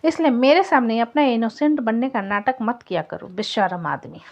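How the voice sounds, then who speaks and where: Woman doing a hotheaded young husband, snappy and mad, high-ish voice, dull audio. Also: normal speed, a little mellow, natural voice. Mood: irritated. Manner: angry, snapping. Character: hot-tempered protective young husband.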